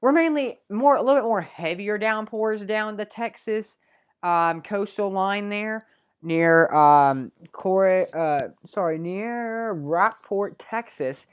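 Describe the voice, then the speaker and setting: A woman's voice: mid-range voice, lively intonation, unhurried, smooth. A woman presenting a live weather segment in a small local TV studio, talking off the cuff with many fillers and self-corrections.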